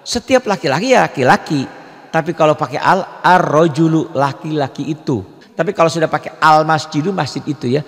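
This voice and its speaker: A man's voice: a little high, brisk, big-room sound. A man teaching Quran recitation rules to beginners, explaining patiently, repeating points and asking rhetorical questions. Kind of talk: tajwid lesson for beginners.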